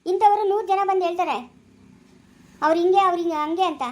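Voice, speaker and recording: An argumentative young lawyer, played by a woman, in a family skit drama. She fires off pointed questions at speed in a high voice. Her manner is insistent and confident. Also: steady tone, rapid-fire, natural voice. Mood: challenging.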